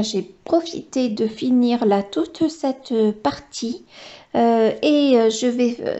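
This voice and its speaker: A woman's voice: on the high side, warm tone, muffled recording. A woman vlogger chatting casually while she colors, hesitant and full of filler sounds, now and then cooing to her dog in baby talk. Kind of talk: casual coloring vlog chat.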